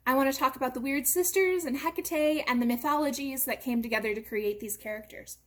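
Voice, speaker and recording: A young American woman from a theatre company giving an informal educational talk, lively and explanatory, with frequent "uh" and "um" fillers. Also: sits high, brisk. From United States.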